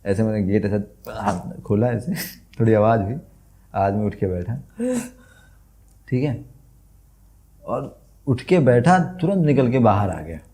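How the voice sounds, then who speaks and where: A man's voice: lowish voice, unhurried, long pauses. A man guesting on a podcast, telling a funny story in casual chat and acting out the lines he quotes. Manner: animated anecdote, acts out quoted lines, laughs a lot.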